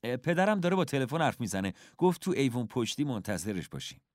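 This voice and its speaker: An eager young boy, as a man reading a storybook puts him on. He sounds keen and excited, pushed up above the reader's own low voice. The sound is dry and close. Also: no echo, close to an everyday voice.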